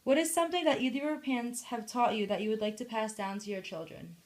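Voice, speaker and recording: A woman's voice: a little high, fast, a little mellow. A woman asking short, direct interview questions.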